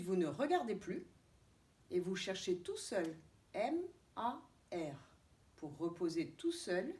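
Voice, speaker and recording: French kindergarten teacher, woman, low voice, drawn-out syllables, distant camera mic. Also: darkish tone. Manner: slow, deliberate, stretching out syllables and letters. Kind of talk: remote video lesson for young children. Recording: distant mic with faint background noise.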